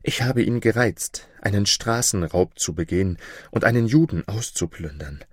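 A sorrowful young maid, as a male narrator puts her on, lamenting with her voice lifted higher than his own. The storybook reading sounds dry and close. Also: expressive, moderate pace, husky, no room sound. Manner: lamenting, tearful. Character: grieving young maid full of guilt.

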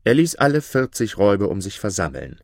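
Male storyteller, fairy-tale reading, lowish voice, lively intonation, dry studio sound. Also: brisk, creaky, no room sound. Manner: expressive storytelling.

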